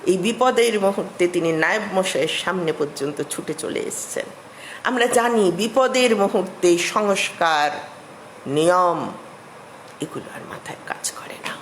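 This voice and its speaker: A middle-aged woman giving an academic lecture as a literature professor, measured and explanatory, with emphatic rises. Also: on the low side, expressive, a little hiss or hum, low-quality recording.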